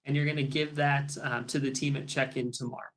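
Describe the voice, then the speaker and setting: A man's voice: medium pitch, little pitch movement, a little fast, a bit bright, low-quality recording. A man on staff giving practical, friendly updates to students on a video call. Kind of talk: informational webinar updates.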